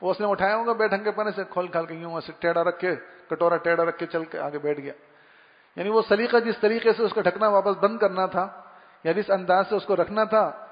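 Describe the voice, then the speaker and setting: A man giving a conversational Islamic sermon on manners, telling stories and imitating everyday sounds as he goes. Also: high voice. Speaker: Islamic preacher. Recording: dull recording in a long-reverb hall.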